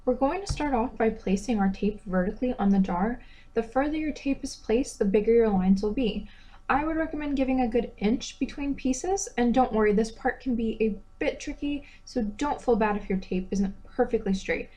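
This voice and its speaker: A woman's voice: on the high side, moderate pace, warm tone. A young woman giving a casual, upbeat craft tutorial voice-over, chatty with self-deprecating asides. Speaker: DIY vlogger.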